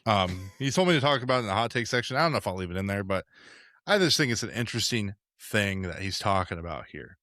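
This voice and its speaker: Low-voiced bright young man, casual chat. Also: animated, fast talker, no room sound, clean studio sound. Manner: rambling, many fillers. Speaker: podcast host.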